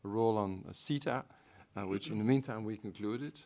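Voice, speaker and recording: A middle-aged Belgian trade negotiator with a French-speaking accent gives panel remarks that stall and restart, full of ums. His voice is fairly low and a little mellow.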